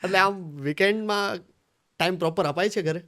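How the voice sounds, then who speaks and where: A man's voice: sits high, fairly quick, sharp tone. A man with a Gujarati accent hosting a podcast interview, politely asking short questions. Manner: polite, asks short questions, addresses guest as sir. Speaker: podcast host. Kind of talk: conversational interview.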